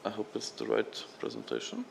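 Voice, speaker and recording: Lower-voiced man. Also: very animated, a little fast, creaky, a little hiss or hum. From Latvia. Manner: loose, unscripted delivery. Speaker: program representative at a conference. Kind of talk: conference presentation.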